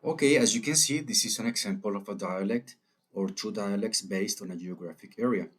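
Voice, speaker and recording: A man narrating a recorded lesson in a deliberate way, with fillers. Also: on the low side. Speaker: teacher.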